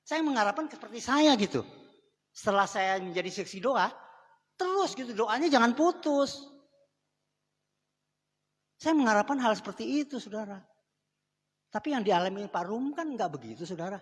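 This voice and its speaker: A man delivers a chatty, conversational sermon, sometimes breaking off into asides and personal stories. His voice sits fairly high for a man. The live church sanctuary gives a long, ringing reverb. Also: lively intonation, normal speed, pauses often, husky. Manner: conversational preaching, often addressing the congregation as saudara. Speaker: pastor. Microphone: live microphone.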